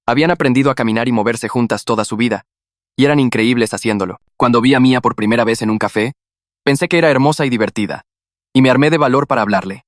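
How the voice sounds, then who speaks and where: A man reads a first-person story aloud, moving at a rapid clip. His voice sits at an ordinary middle pitch, and the recording is dry and close. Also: no room sound. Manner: brisk, steady storytelling read. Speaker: narrator.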